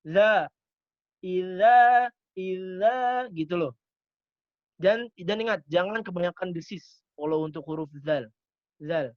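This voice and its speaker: Guy teaching tajwid over a video call, highish voice, dry dull audio. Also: measured pace, long pauses, no echo. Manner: demonstrates letter sounds in short repeated syllables. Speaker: Quran recitation teacher. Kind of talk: online tajwid lesson. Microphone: computer mic on a video call.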